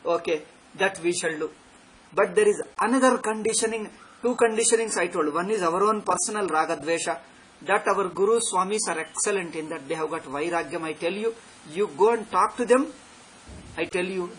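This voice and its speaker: A man delivers an off-the-cuff spiritual discourse in a fairly high voice. He speaks emphatically, repeating key phrases as a teacher would. The live recording carries some background noise. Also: a bit bright. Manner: emphatic and repetitive, restating phrases. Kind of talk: extempore religious discourse. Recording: clearly noisy live recording.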